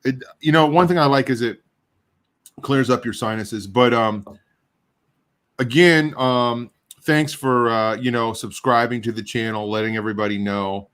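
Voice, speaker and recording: A middle-aged man talks on camera while he tastes hot sauce, with a runny nose. He rambles and backtracks in a self-deprecating way, and his voice sits at an ordinary middle pitch. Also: moderate pace, a bit bright. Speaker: show host. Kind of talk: casual chat while tasting hot sauce.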